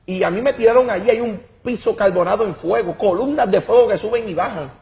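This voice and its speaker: A man's voice: high-pitched, fast, creaky, a little mellow. A man giving an impassioned religious testimony, emphatic and dramatic, often repeating words as he searches for them.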